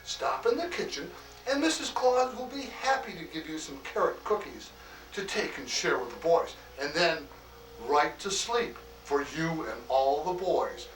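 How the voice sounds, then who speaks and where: A man playing a hearty, fatherly old Santa Claus in an acted greeting monologue, chuckling often and talking in a slow, homely way full of "oh" and "why". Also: fairly high pitch, animated, fairly bright tone, roomy sound, recorded from a distance, a little hiss or hum, low-quality recording. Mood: jolly.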